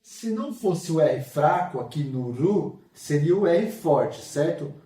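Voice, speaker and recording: Brazilian male literacy teacher, slightly high voice, drawn-out syllables, recorded off-mic. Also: animated, dark tone, distant mic. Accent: Brazilian Portuguese. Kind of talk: slow spoken lesson, sounding out syllables. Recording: echoey room, voice off-mic.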